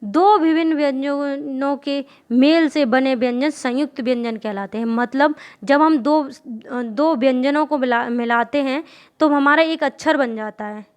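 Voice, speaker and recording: High-voiced woman teaching a grammar lesson. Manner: repetitive questioning teacher, checks understanding often. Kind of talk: explaining a Hindi grammar lesson.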